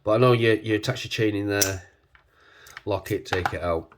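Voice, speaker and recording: A man congested with a cold, talking casually and hesitantly as he hosts a hands-on demonstration, his voice husky from man flu. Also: on the low side, normal speed, noisy background. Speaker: video host.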